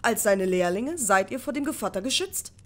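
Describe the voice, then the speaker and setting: A woman's voice: medium pitch, lively intonation, moderate pace, lightly acted. A woman voicing a determined young male miller's apprentice in an audiobook, speaking earnestly and urgently. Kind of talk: audiobook character voice.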